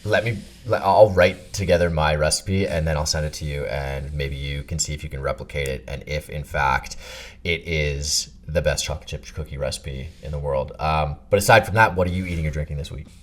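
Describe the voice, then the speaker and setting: Young male podcast co-host with a very low voice, animated and rambling. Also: brisk. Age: 20s. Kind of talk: casual chat.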